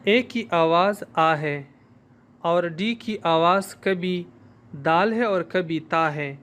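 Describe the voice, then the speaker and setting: A male language teacher giving a slow, explanatory recorded lesson and modeling sounds for learners to repeat. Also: high voice, fairly bright tone.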